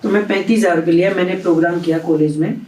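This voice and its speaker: A man's voice: high-pitched, fairly even intonation, very fast, mellow. A young man telling his story in an interview, acting out the dialogue of the people in it. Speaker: interview guest. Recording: roomy, distant from the mic.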